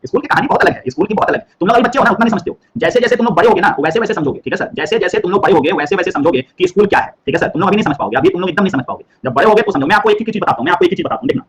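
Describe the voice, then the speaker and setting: A man's voice: sits high, lively intonation, very fast, hardly any pauses, slight background noise. A young man teaching a biology class, playful, repeating every phrase and checking in with his students. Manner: playful, repeats each phrase, constant "ठीक है sir?" tags. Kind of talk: online class lecture mixing Hindi and English.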